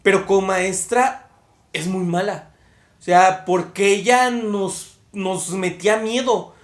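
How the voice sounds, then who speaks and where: A young woman chats on a podcast, firm in her opinions and laughing at her own slips. Her voice sits at a middle pitch. The room is echoey. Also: steady tone, slow pace. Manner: opinionated, laughs at herself, argues her point at length. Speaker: podcast co-host. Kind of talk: casual conversation.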